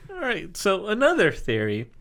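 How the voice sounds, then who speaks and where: A man's voice: sits high, huge pitch swings, slow, fairly bright tone. An American man presenting a topic on a casual podcast, hesitant and full of fillers, often breaking into laughter. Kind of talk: casual explanation.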